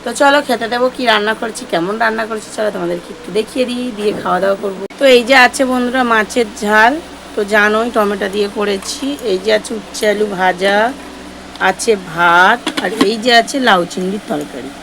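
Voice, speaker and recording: A woman's voice: medium pitch, quick pace, gravelly, low-quality recording. A woman, chatting to viewers as friends while doing chores and cooking at her rural home, filmed on a phone. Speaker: vlogger. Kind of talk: casual daily-life vlog narration. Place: rural home, kitchen and yard. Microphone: phone camera. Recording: loud household noise behind voice.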